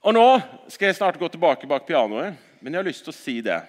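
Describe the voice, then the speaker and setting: A man preaching a sermon at a church service, swinging between loud exhortation and quiet earnest talk, often repeating words as he restarts sentences. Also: a little high, very animated, big-room sound.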